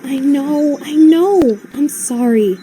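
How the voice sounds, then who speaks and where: A man voicing a desperate woman who begs in a raspy, pitiful voice. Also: extremely high pitch, takes it slowly, mellow, a little hiss or hum, pitched above the performer's own voice, low-quality recording. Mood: pleading. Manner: pleading, pitiful.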